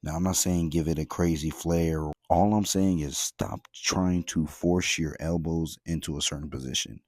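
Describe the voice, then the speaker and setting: A man with an extremely low voice talks like a laid-back gym bro. He gives slangy workout commentary in voice-over, close and dry on the mic. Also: steady tone, normal speed, darkish tone, dry recording. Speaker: fitness vlogger.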